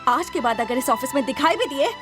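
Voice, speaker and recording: A woman dubbing a stern, outspoken female office boss in a film, scolding and sharp-tongued. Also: high voice, lively intonation, a little fast, music in the background. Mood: angry. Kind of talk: Hindi film dub acting. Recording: dubbed film with loud score.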